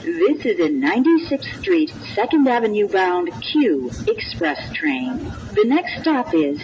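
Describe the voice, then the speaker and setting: A woman announcer speaks over a train intercom in neat, scripted segments. Her pitch swings noticeably within each unhurried phrase. The sound is somewhat dull, as train PA speech is. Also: big pitch swings, darkish tone. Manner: clearly enunciated, formulaic phrasing in separate segments. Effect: played over a train intercom. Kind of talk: scripted automated transit announcement. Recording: dull train PA with background noise.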